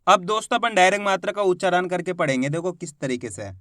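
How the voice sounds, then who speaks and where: A man teaching children to read, spelling out syllables slowly and stressing each whole word loudly, with quicker, quieter explanations in between. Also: high-pitched, lively intonation, no echo, clean studio sound. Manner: drawn-out syllables, rising loud on each finished word. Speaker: Hindi reading teacher. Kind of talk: slow spelled-out phonics lesson.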